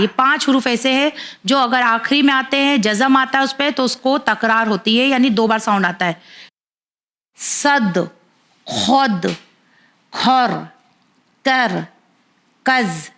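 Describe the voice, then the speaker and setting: A woman leads a children's pronunciation lesson with a somewhat high voice. She drills each sound slowly and patiently, one syllable at a time. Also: fairly bright tone. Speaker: teacher.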